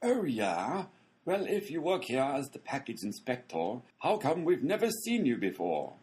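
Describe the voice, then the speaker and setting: In a radio comedy, a performer plays a grumpy postal clerk using a husky, full character voice with a darkish tone and enormous swings in pitch. The pace is a little slow, and the delivery is flippant, sarcastic and theatrical, peppered with impatient jabs.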